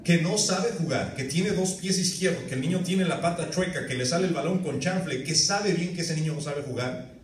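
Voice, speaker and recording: A man, preaching a sermon as pastor, telling lively stories and acting out voices. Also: on the high side, normal speed. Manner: animated storytelling with acted-out voices. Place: church hall. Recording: echoey church room, mic at a distance.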